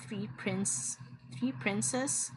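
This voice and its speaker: Speaking very slowly in a medium-pitched voice, a young woman chats casually as she draws on a stream, with noise in the background. Her accent is Filipino, a regional Philippine language is her first, and she relies on plenty of fillers and restarts.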